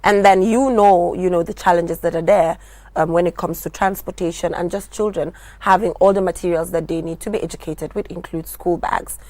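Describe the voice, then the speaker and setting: Woman tv host, slightly low voice, chatty interviewing. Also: steady tone, brisk, a little mellow, dry recording. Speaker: morning TV show host. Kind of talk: conversational television presenting and interviewing.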